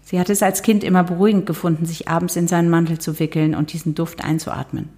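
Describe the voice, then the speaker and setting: Reading from her own novel before easing into a relaxed interview, a middle-aged woman who writes and works as a TV journalist speaks in a lower, warm voice with little pitch movement. Her manner is measured and lightly humorous, with occasional hesitations.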